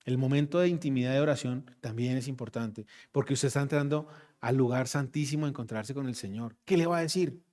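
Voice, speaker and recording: A man's voice: mid-range voice, brisk, a little mellow. A man preaching a sermon, emphatic, repeating his phrases and putting questions straight to the congregation.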